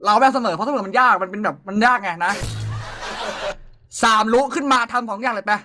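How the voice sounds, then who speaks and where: A young man hosting a casual live voice-chat stream as a DJ, excitable, often shouting and laughing and tacking polite particles onto his sentences. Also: sits high, brisk. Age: young adult. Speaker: online voice-chat DJ. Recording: loud music playing behind the voice. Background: music.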